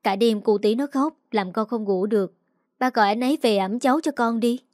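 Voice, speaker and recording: A woman's voice: fairly high pitch, a little fast, a little mellow, no echo, studio quality, natural voice. A woman voicing a brazen young new mother who speaks nonchalantly.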